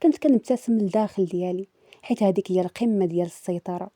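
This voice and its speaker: A woman's voice: medium pitch, fast talker, warm tone, dry recording, clean studio sound. A woman with a Moroccan accent narrating a first-person confession story in a dramatic, brooding way.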